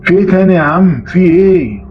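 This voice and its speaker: A man's voice: mid-range voice, lively intonation, very fast, a little hiss or hum, natural voice. A man voicing a nervous young male truck assistant with an Egyptian accent, asking anxious questions. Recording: lo-fi with faint music.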